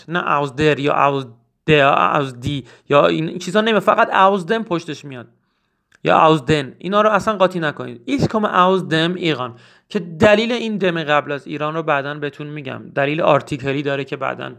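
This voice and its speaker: Man teaching German with a gravelly voice. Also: fairly high pitch, fairly bright tone. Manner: repeats German phrases slowly and explains them in Persian; earnest, urges memorizing phrases. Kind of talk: spoken language lesson.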